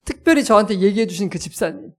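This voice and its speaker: A man with a fairly high voice preaches a sermon in a storytelling way. He acts out each scene with energy and pokes fun at himself. He sounds like a pastor talking straight to his congregation. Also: quick pace. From South Korea. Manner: lively, self-mocking storyteller who acts out scenes.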